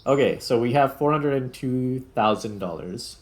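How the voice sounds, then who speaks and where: A gaming video host with a medium-pitched voice and lively intonation narrates his play casually at a moderate pace. He thinks aloud as he goes, and background music runs under his voice.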